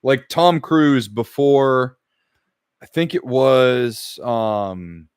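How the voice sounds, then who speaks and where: A man's voice: mid-range voice, extremely slow, smooth, dry recording. Man, podcast co-host, casual rambling chat, reads chat aloud, dry close sound.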